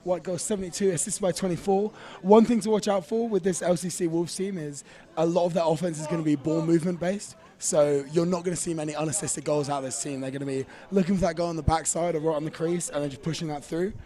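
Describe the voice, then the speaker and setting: A young English man with a fairly high voice, chatting through live sports commentary in an upbeat, slangy way. He's recorded outdoors beside a playing field, talking easily with a co-host. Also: fairly even intonation, fast, dark tone. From England.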